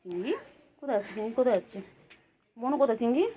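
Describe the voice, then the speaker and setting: A woman's voice: a little high, rapid-fire, mellow, a little hiss or hum. A woman filming her cats at home, talking baby talk to them in a cooing, sing-song way with lots of repeated words. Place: home with pets.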